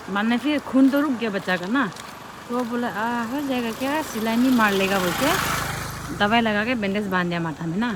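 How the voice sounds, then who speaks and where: A young woman tells a rambling personal story in a casual vlog, her voice sitting a bit high. She repeats lines and plays out each quote as she goes. Traffic and street noise run clearly behind her in this outdoor recording. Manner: chatty, repetitive, acts out the quotes. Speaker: vlogger.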